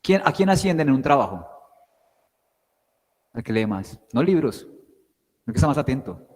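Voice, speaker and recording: A man's voice: medium pitch, very animated, normal speed, big-room sound. A man giving a guest lecture, explaining word parts and often asking "right?" to check that the class follows. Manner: explains with questions, checks understanding with "¿sí?".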